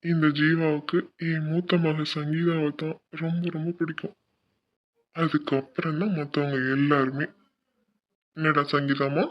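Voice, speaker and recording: A woman voicing a loving young adult man who gently pleads with his younger sister in an animated cartoon. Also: a little high, measured pace, lightly acted. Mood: soothing. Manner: tender, pleading, emotional. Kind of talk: dubbed animation voice acting. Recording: dull lo-fi recording.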